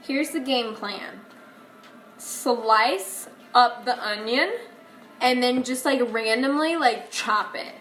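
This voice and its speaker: A woman's voice: fairly high pitch, takes it slowly, fairly bright tone, slight background noise. A young woman vlogging in her home kitchen, chatty and self-mocking, talking straight to her viewers as she cooks. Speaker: cooking vlogger. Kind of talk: casual cooking vlog.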